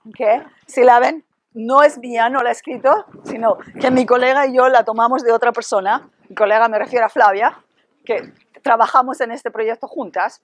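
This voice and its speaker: Recorded from afar by a room camera, a middle-aged workshop presenter lectures in a classroom equipped with a projection screen, yet no room sound comes through. Her pitch is fairly high, and she gestures animatedly, poses rhetorical questions to the audience, and scatters English fillers such as "ok" and "right."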